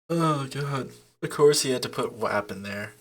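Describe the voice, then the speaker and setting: A man's voice: mid-range voice, slightly rough. Man rambling through a mocking reaction. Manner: rambling, mocking, laughs often. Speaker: YouTube commentator. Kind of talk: casual reaction commentary.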